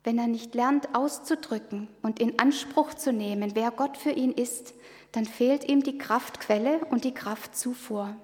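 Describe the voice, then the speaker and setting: A woman presenting in a church service, addressing the congregation in a calm, earnest, explaining way. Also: on the high side, measured pace. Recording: long reverb of a hall.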